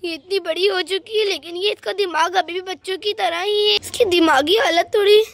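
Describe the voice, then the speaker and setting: A woman's voice: very high voice, steady tone, normal speed, vocal fry, fairly bright tone, heavily acted. Woman doing a worried searching mother. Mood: pleading. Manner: anxious calling.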